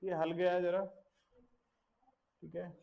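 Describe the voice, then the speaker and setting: Woman village schoolteacher, slow and deliberate, repeats words over and over, switches between Hindi and English. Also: lowish voice, level tone, vocal fry, dark tone, poor audio. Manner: drills pronunciation by patient repetition; mixes English phrases into Hindi. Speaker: teacher. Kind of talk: classroom lesson.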